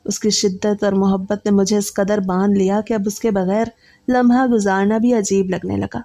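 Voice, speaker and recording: Mellow-voiced woman narrating a story. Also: medium pitch, soft background music. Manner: steady, earnest storytelling. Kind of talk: first-person story narration.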